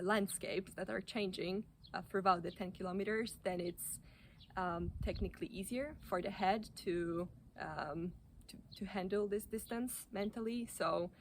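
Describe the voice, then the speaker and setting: A woman giving informal running advice in a halting, hesitant way, often restarting her sentences. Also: on the low side, vocal fry, slight background noise. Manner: hesitant, halting delivery with repeated self-corrections. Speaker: running coach or athlete giving tips. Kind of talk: informal advice talk to camera.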